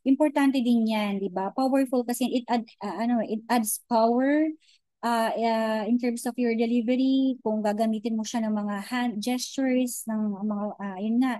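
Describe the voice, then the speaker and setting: A woman giving an informal online lecture, mixing Tagalog and English, often checking in with "okay?" and pausing to search for words. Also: a little high, steady tone, warm tone, no echo, poor audio. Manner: chatty Taglish, frequent "okay?" and "di ba?" check-ins; many hesitations and restarts.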